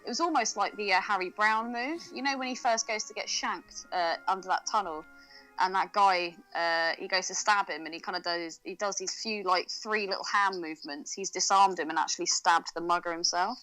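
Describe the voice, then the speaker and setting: A woman's voice: mid-range voice, fairly quick, bright, forceful tone, rough recording. A woman co-hosting a podcast, chatting casually about a film, laughing often and thinking aloud with fillers. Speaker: podcast co-host. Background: faint music.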